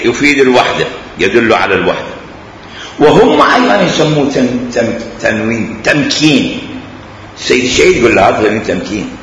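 A man with an Iraqi Arabic accent gives an animated classroom lecture, his pitch leaping up and down as he repeats examples. His bright, fairly high voice rings through a hall with a long echo and faint room ambience. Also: a little hiss or hum. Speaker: teacher.

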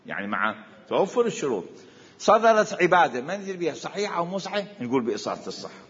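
A man with an Iraqi accent teaches a seminary class in a high, bright voice that leaps up and down as he presses his points. He fires questions and repeats himself for emphasis. The sound is dull and lo-fi, with a long echo from a hall. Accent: Iraqi Arabic. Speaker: seminary teacher of Islamic law. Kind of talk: seminary lecture.

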